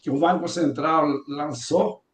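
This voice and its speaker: Slightly high-voiced man in an echoey room. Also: steady tone, a little slow. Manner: hesitant, with restarts. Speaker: meeting participant. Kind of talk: casual online group meeting.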